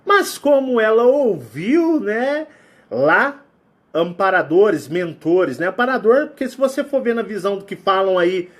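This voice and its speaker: A man with a Brazilian Portuguese accent giving a casual spiritual talk, sweating and animated as he acts out sounds and quotes. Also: high voice, a little slow. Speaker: spiritual channel host.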